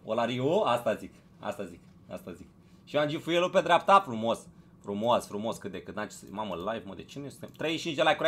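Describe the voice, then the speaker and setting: A man hosting a casual live stream, chatting with viewers, greeting them by name, repeating himself and urging them to hit like. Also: mid-range voice. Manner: chatty, greets viewers one by one, repeats phrases, pushes for likes.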